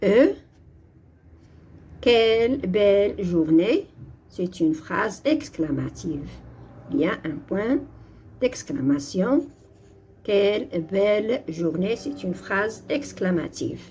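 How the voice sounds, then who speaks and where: A woman slowly explaining French grammar exercises, switching between French and Arabic. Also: medium pitch, animated, a little mellow, slight background noise. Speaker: French teacher.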